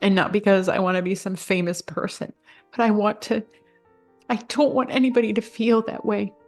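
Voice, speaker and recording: Earnest woman gushing over soft music. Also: mid-range voice, little pitch movement, normal speed. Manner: earnest, gushing, many fillers. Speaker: vlogger. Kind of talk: casual heartfelt vlog talk.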